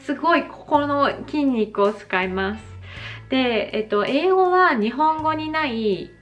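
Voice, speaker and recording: A Japanese woman in her thirties giving a slow, careful pronunciation lesson, exaggerating her mouth shapes when she demonstrates sounds. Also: high-pitched, lively intonation, fairly bright tone, lo-fi sound, soft background music. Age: 30s. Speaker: English pronunciation teacher. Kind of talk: slow explanatory vlog lesson.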